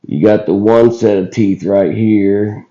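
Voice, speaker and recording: A video channel host casually comments on footage in a deep, very mellow, dark voice that's rough, scratchy and hoarse from illness. He speaks slowly and haltingly in plain, folksy words. The recording sounds slightly dull and lo-fi.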